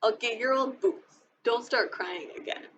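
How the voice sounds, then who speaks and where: A woman's voice: fairly high pitch, measured pace, a bit bright, slight background noise. A woman voicing a cross, grudging schoolboy in a storybook reading, grumbling and bossy.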